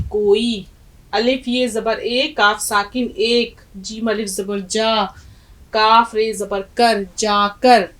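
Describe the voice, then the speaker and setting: Captured on a rough recording, this high-leaning female voice belongs to a middle-aged Indian teacher. She runs an Urdu class, telling learners exactly what to do while spelling words one letter at a time and lingering on every sound.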